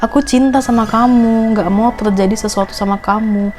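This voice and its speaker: A woman's voice: fairly high pitch, fairly even intonation, moderate pace, darkish tone, slight background noise, lightly acted. A woman reading the chat lines of a husband working late, soothing and protective toward his wife. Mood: worried.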